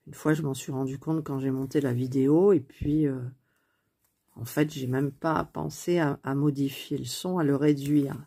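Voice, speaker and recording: A woman chatting softly as she stitches at home, thinking aloud in a casual cross-stitch tutorial recorded on a phone on a stand. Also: very deep voice, steady tone, moderate pace, husky. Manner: speaks softly near the phone. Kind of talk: casual craft tutorial chat.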